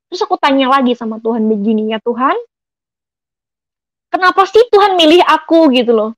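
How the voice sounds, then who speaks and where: High-voiced woman giving earnest testimony. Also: no echo, lo-fi sound. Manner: earnest, emotional storytelling that often addresses listeners as friends. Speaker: testimony speaker. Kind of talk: personal faith testimony.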